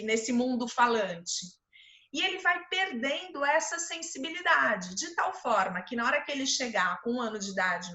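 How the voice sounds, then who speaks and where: A woman talks teachers through her subject in a relaxed, conversational way, leaning on everyday examples and filler words. Her voice sits high and sounds bright. The recording carries a noticeable room echo. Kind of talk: informal lecture.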